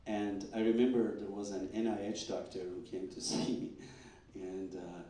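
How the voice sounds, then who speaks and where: A man's voice: fairly low pitch, moderate pace, a little hiss or hum. A man, a doctor, giving a talk at a fundraising event, telling patient stories and acting out quotes with stammers. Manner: animated storyteller, acts out quotes with stammers. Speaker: doctor presenting research. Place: event hall. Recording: echoey hall, distant mic.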